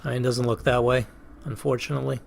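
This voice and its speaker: Gravelly man thinking aloud over a card game. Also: mid-range voice, little pitch movement, fast. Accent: Boston. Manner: thinking aloud, hesitant, self-questioning. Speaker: gaming channel host. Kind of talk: casual let's play commentary.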